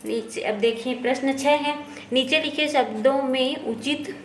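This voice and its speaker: Slow, slightly high voiced woman teacher doing a textbook walkthrough, asks n answers herself, faint hiss behind.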